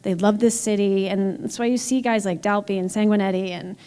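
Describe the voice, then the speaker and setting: A woman's voice: mid-range voice, steady tone, moderate pace, mellow, clean tone. A woman team executive speaking candidly and emphatically on a panel, with frequent filler words. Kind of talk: panel discussion. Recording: long hall reverb.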